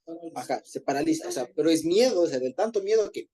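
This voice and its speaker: A man's voice: a little high, expressive, fast, crowd noise. A man leading an informal group Bible study, explaining Hebrew words in a conversational way and often rephrasing himself.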